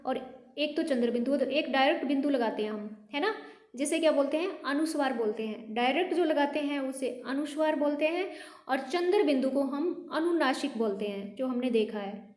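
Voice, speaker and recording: A woman with a high, light voice gives a pronunciation lesson, saying each word again and again so learners can copy it. The room is echoey, so her voice rings a little off the walls. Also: a little mellow. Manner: patient, repeats words slowly for learners. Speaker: Hindi teacher.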